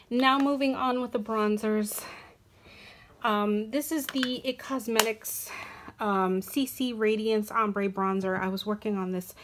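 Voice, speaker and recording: A young woman chats casually to camera about her makeup, stopping often for ums and small corrections. Her voice sits at an ordinary middle pitch. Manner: chatty, hesitant with frequent ums and self-corrections. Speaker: beauty vlogger. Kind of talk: casual product talk to camera.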